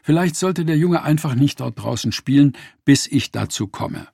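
A man voicing a calm, rational young father who speaks in a measured, soothing way, in an audiobook reading. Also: on the high side, gravelly, husky, dry recording, clean studio sound, voice pushed up, exaggerated voice.

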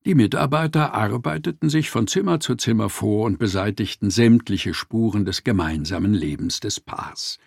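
A man narrating a story in a scripted, expressive and wry manner. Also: lowish voice, normal speed, vocal fry, hardly any pauses, dry recording, clean studio sound.

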